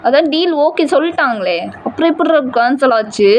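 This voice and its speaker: A furious, short-tempered young man who barks and scolds, voiced by a woman reading a fan story aloud. The voice sits fairly high, with faint noise behind it. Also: animated, fairly quick. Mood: angry. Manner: shouting, scolding, harsh.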